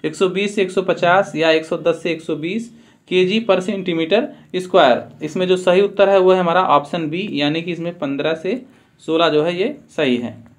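A man's voice: high-pitched, normal speed. A man teaching a trade quiz, reading out each question and its options, then giving the answer with a careful explanation. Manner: methodical, repeats each answer with a Hindi explanation. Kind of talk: quiz-style lesson, reading questions aloud.

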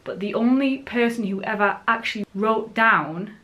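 A woman's voice: a little high, moderate pace, bright, forceful tone. A woman in her twenties with a Northern English accent, chatting casually and informally to camera as a vlogger. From Northumbria, northern England. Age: 20s. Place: furnished living room indoors.

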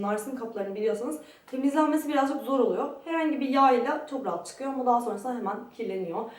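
A woman's voice: on the high side, a little mellow. Woman in a strongly echoing room. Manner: chatty, detailed, describing items up close. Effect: strong room echo. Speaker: beauty vlogger. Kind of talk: casual product review. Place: small sunny room in a friend's home, indoors, very hot. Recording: echoey room, voice from a distance.

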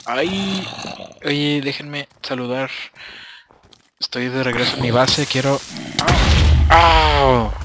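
A man hosting a gameplay video in casual commentary, reacting excitably with frequent yelps. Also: medium pitch, background noise. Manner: excitable, yelps and exclaims often.

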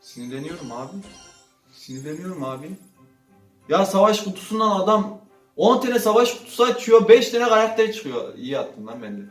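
Excitable young-sounding man, roomy distant mic. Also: high voice, brisk, soft background music. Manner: excitable, swings between muttering and loud outbursts. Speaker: gaming channel host. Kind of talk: casual gaming commentary while opening loot boxes.

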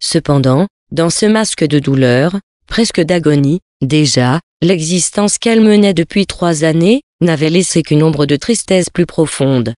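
A reader narrating a literary tale with measured, expressive phrasing. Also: mid-range voice, no echo, studio quality.

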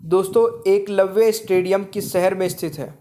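A man's fairly high, mellow voice, with fairly even intonation and normal speed, guides viewers he calls friends through a general-knowledge quiz voiced over slides. He repeats each question before stating the correct answer.

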